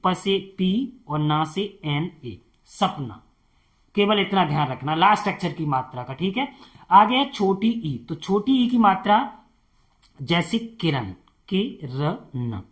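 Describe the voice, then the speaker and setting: A tutor teaching beginners to spell names, talking slowly, repeating each word and answering his own questions. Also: high-pitched.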